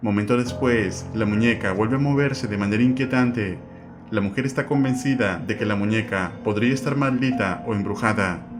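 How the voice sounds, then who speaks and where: A man reading a scripted voice-over narration in an even, measured way and inviting viewers to comment. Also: on the low side. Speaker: narrator of the video. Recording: voice-over with background music.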